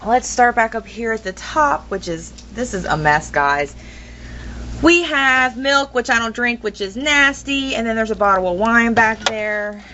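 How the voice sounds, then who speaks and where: In a noisy, dull lo-fi home video, a young woman shows off her kitchen on a loose, rambling home tour, filled with ums and frank opinions. Her voice is on the high side, pushed and bright, and her pace is unhurried.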